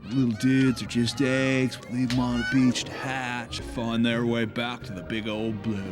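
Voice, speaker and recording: An actor playing a laid-back male sea turtle who drawls in relaxed surfer slang, heard in a film clip with music underneath. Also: mid-range voice, extremely slow. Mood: mellow.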